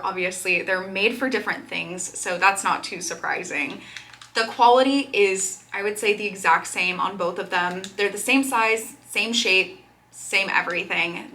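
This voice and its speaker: A woman's voice: medium pitch, pushed and bright. A woman hosting a casual product review in a chatty, upbeat way. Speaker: product reviewer and video host.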